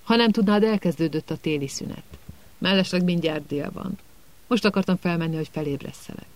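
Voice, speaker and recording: A man voicing a blunt, hot-tempered teenage boy in a storybook reading, speaking sharply. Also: high voice.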